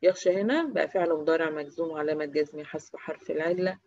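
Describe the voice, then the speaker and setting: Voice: mid-range voice, fast, darkish tone, dry recording. A teacher with an Egyptian Arabic accent, in the middle of their range, runs through grammar review points. The teacher keeps asking small quiz questions and then answers them, and drills example words one at a time. The recording is dry and slightly muffled.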